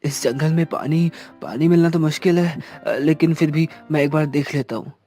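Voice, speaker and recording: A man's voice: on the high side, normal speed, mellow, soft background music, voice pushed up, close to an everyday voice. A man voicing a humble, weary young village father who talks earnestly.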